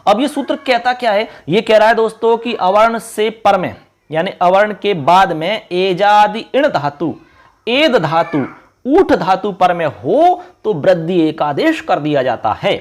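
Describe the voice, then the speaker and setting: Male tutor, higher-pitched voice, coaxing students with questions and slow, drilled repetition of terms. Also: sing-song. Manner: addresses viewers as friends, quizzes them; repeats key terms slowly. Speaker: teacher. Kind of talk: online exam-prep lesson.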